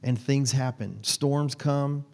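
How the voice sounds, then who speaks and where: A man's voice: mid-range voice, slow pace, gravelly, dark tone. Folksy man preaching casually. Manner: folksy, teasing the congregation by name. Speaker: pastor. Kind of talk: conversational sermon. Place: church.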